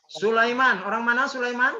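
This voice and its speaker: Fairly quick and sharp-toned, an Islamic teacher with a very high voice leads a call-and-response Arabic grammar class, drilling students with repeated words and quizzes. The recording is echoey and dull, lo-fi with faint noise.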